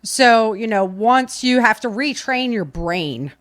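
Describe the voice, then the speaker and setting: A podcast host chats casually to live listeners, her talk loose, rambling and full of fillers. Her voice sits on the high side, expressive, slow and a bit bright. The sound is studio quality with no room sound, from a webcam stream setup with the mic set back from the keyboard.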